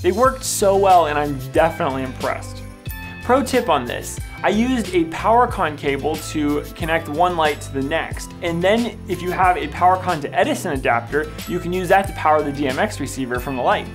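A man's voice: fairly high pitch, animated, normal speed, over music. A young man narrating a church production walkthrough in an upbeat, enthusiastic voice, recorded in a small room. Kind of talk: scripted voice-over walkthrough. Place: small room with blue wall.

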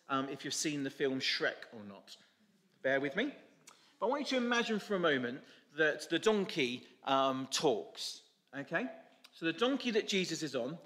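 A man's voice: fairly high pitch, a bit bright. A male preacher giving a sermon, telling a story with informal asides. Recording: echoey church hall.

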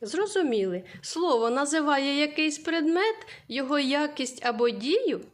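This early-years literacy lesson features a woman whose voice sits high and swings widely in pitch. She teaches little kids by asking basic questions slowly and melodically, then answering each one herself.

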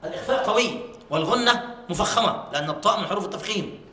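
High bright man teaching Quran recitation. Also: lively intonation. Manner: repeats words slowly and drawn out to demonstrate pronunciation. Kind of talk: tajweed lesson with demonstrated recitation. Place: mosque. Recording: echoey mosque hall.

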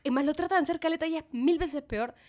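Lively Peruvian actress telling stories. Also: female voice, high voice, quick pace. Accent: Peruvian Spanish. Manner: animated, laughing storyteller who acts out quotes. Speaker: actress, podcast guest. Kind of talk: casual storytelling interview.

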